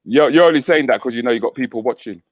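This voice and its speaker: A man's voice: medium pitch, racing, no room sound. A man hosting a casual chat as a comedian, teasing his co-host and laughing often. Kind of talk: casual banter.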